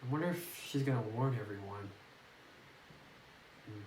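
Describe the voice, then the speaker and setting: At normal speed and medium pitch, with a slightly mellow tone, this gamer narrates a horror visual novel and gets jumpy at the frightening moments. The sound comes from a faraway phone mic, roomy and noisy.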